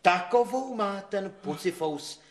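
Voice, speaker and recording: A crafty, chatty village cobbler. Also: male voice, sits high, lively intonation. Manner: chatty, wry.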